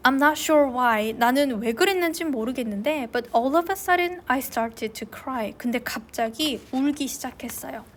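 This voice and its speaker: Teacher lady reading a story slow and clear, then explaining it, kinda high pitched. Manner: slow and clear in English, quicker in Korean. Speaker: English teacher. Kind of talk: reading a novel aloud and translating.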